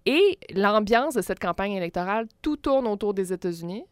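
A woman explaining politics in a measured radio discussion, with frequent hesitations. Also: medium pitch, expressive, clean tone, no room sound, studio quality. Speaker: political commentator.

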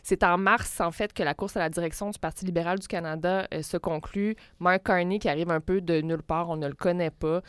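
A woman explaining politics in a measured radio discussion, with frequent hesitations. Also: on the low side, fairly even intonation, smooth, dry recording, clean studio sound. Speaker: political commentator.

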